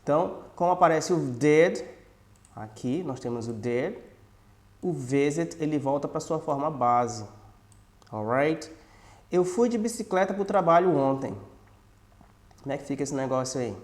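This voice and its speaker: Brazilian guy teaching english, patient, repeats the example sentences slow. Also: fairly high pitch, expressive. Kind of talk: explaining a language lesson.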